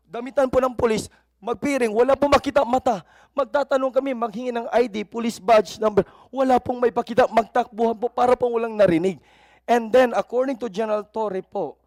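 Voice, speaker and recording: Middle-aged minister guy testifying, high voice, impassioned, begging politely. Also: darkish tone, dry recording. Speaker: church minister testifying at a hearing. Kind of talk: formal testimony at a legislative hearing.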